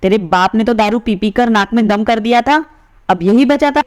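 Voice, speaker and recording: A woman's voice: on the high side, moderate pace, no echo, clean studio sound, lightly acted. A woman voicing a domineering older male cousin who blusters and threatens over family honour. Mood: blustering angry.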